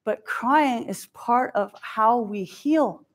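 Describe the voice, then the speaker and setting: Animated woman telling a personal story. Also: on the high side, slow pace. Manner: animated storyteller, acts out quotes. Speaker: keynote speaker. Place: stage before an audience.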